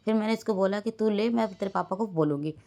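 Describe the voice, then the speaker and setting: A woman's voice: medium pitch, fast talker, creaky, dark tone. A woman, a mother, casually narrating her day over a home vlog and quoting her children along the way. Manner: rambling everyday storytelling, quoting her children. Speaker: vlogger and mother.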